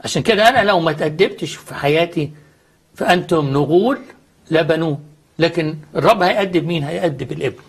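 A man's voice: a little high, fast talker, vocal fry, slightly rough. A man with an Egyptian accent, a studio guest explaining faith earnestly and answering his own questions.

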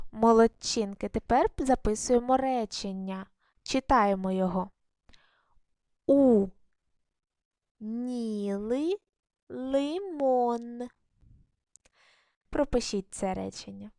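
A woman teacher records a video lesson for young pupils, guiding their handwriting one step at a time. Her voice sits a little high, and she praises them often as she goes. The sound is close and dry, with no room around it. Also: darkish tone, no room sound. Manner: patient, step-by-step instructions with praise. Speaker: primary school teacher.

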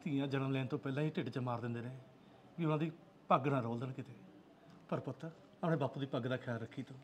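An actor playing a stern village father who is strict about his daughter's honor and speaks gruffly in a Punjabi accent. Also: medium pitch, fast, a little hiss or hum, lightly acted. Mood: earnest. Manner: gruff, commanding, softens to pleading. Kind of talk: village drama acting.

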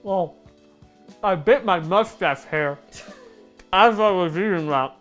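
A man's voice: high voice, slow pace, a bit bright, soft background music. A man hosting a comedic cooking demo in his home kitchen, joking and mocking himself as he cooks. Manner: playful, jokey, self-mocking. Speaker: cooking video host.

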